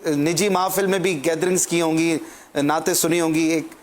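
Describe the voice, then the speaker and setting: Man interviewing a guest, fairly high voice, polite and probing, lots of little yes and hmm sounds. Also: steady tone, normal speed. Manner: polite, probing questions with frequent affirmations. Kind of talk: respectful religious interview.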